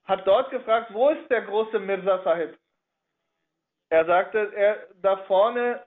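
A man telling a religious history story in a halting way, often reworking his sentences partway through. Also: high-pitched. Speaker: religious speaker. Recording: narrow phone-like audio.

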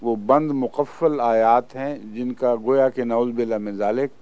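A man's voice: medium pitch, fairly even intonation, a little mellow, clear, resonant tone, dry recording, muffled recording. A man giving a religious lecture, reciting verses and explaining their meaning. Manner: explanatory, recites Arabic verses then translates. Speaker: Quran commentator. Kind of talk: religious lecture on Quran exegesis.

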